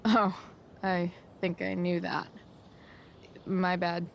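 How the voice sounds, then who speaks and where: A woman's voice: fairly low pitch, flat delivery, slow pace, gravelly, a little hiss or hum. A woman voicing a sarcastic, guarded teenage punk girl in a video game, with a casual, dry, hesitant drawl. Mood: casual, sheepish.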